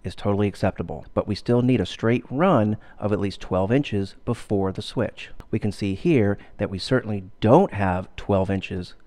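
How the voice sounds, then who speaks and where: A middle-aged man giving a steady, explanatory instructional voice-over as a pool care instructor. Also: on the low side, normal speed, few pauses.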